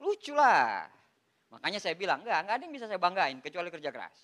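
An Indonesian man speaks as a motivational speaker to a seminar audience. His voice sits high and sounds bright and forceful. He jokes and keeps the delivery animated, turning to the room again and again. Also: fast. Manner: lively, joking, addresses listeners as Pak.

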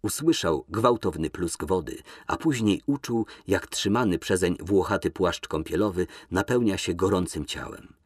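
A man narrating an audiobook in a measured, expressive reading voice, recorded in a studio. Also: deep voice, slightly rough, no echo.

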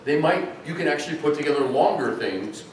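Middle-aged man, conference speaker, casual and animated, heard from far back in a reverberant hall. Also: fairly high pitch, a little fast. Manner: animated, chatty, with frequent ums and uhs. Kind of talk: technical conference talk. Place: large echoey conference hall. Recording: echoey hall, distant mic, faint noise.

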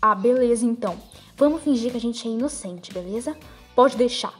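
A woman's voice: fairly high pitch, expressive, brisk, soft background music, voice pushed down. A woman voicing a clumsy, nervous male farm pony, eager and bumbling, in a fan role-play over a game.

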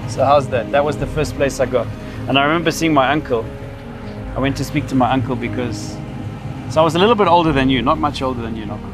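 A man in his fifties talks fast at a medium pitch, telling stories from his life on his vlog. His Zimbabwean accent comes through as he reminisces and explains casually, with music behind him.

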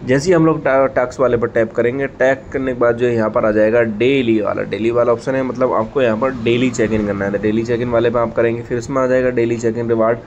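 A man gives a relaxed, step-by-step voice-over for an app tutorial, padding his sentences with the same fillers again and again. His mid-pitched voice comes through slightly dull, lo-fi audio. A faint noise sits under the whole recording. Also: fast, few pauses. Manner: repetitive fillers, frequent "ठीक है". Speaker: tech tutorial host. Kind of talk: casual screen-recorded app walkthrough.

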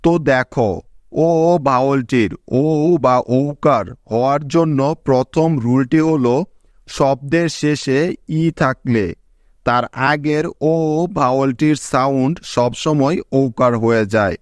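A man teaching English pronunciation rules in a slow, methodical scripted lesson, reading out example words one by one. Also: mid-range voice, no echo, studio quality.

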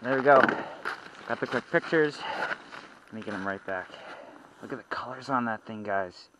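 A man vlogging while ice fishing outdoors on a frozen lake, muttering quietly while he waits and shouting when he lands a fish. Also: medium pitch, normal speed, background noise. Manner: swings from hushed muttering to loud excited shouts. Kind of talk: casual outdoor vlog commentary.

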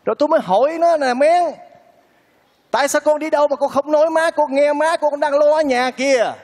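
A man's voice: very high voice, a little fast, darkish tone, in a large hall. An actor playing a kindly, lovesick man who pleads earnestly with a widow, speaking in a stage comedy sketch. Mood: pleading.

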